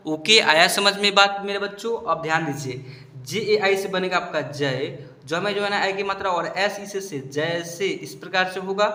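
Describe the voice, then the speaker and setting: A man teaching students to read English spellings, spelling each word out slowly and asking if they understood. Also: sits high, bright, forceful tone. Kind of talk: explaining a lesson to students. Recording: echoey room.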